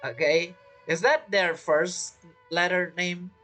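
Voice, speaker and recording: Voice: mid-range voice, fairly even intonation, takes it slowly, fairly bright tone, soft background music. A game streamer giving casual reaction commentary and theorizing aloud.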